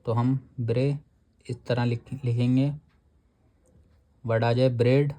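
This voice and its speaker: Slow, mellow-voiced male shorthand teacher. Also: medium pitch, flat delivery. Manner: explains patiently, reads rule text aloud very slowly. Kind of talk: step-by-step shorthand lesson.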